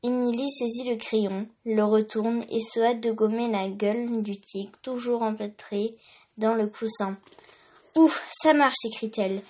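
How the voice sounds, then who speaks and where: A woman's voice: on the high side, warm tone. Woman reading a children's storybook.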